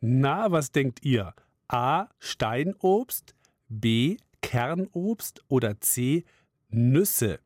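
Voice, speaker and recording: A man's voice: mid-range voice, very animated, very slow, darkish tone, no room sound, studio quality. A man hosting the quiz part of a children's audio show, chatty and friendly as he talks to the children. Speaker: quiz host.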